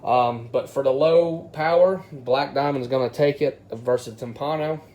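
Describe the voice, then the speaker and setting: With faint music playing behind him and plenty of background noise, this man reviews car audio gear off the cuff for his video audience, addressing them informally as "guys." He speaks at a medium pitch, a little slowly, with a slightly mellow tone.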